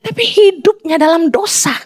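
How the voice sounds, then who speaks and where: A woman's voice: extremely high pitch, moderate pace, a little mellow, no echo. Woman pastor, middle-aged, dry close sound, blunt scolding preaching. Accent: Indonesian. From Indonesia. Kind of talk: sermon.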